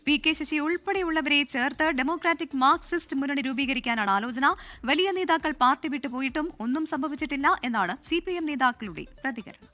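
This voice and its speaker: Woman news anchor, high bright voice, fast pace, scripted intro. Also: expressive.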